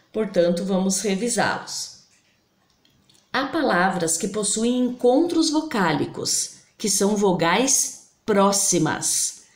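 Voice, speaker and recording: A woman teaching a grammar lesson, slowly spelling out example words syllable by syllable. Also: mid-range voice. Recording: roomy echo.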